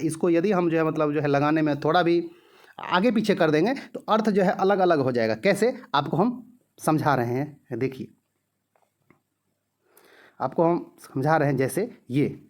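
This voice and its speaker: Male tutor, slightly higher voice, filler-heavy explainer, asks and answers his own questions. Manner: heavy use of filler "jo hai", rhetorical questions answered himself; repeats example sentences slowly. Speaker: teacher. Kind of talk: exam-prep grammar lesson.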